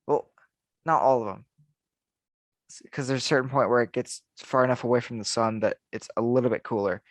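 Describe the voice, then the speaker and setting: A man co-hosts a casual podcast chat, thinking out loud in a rambling way and frequently starting his sentences over. His mid-range voice stays steady and brisk, captured in a dry recording.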